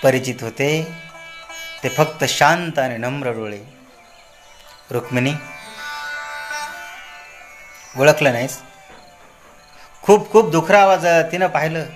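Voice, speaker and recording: A man narrating a devotional story in a dramatic way, moving between soft and raised delivery. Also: a little high, expressive, unhurried, faint music behind.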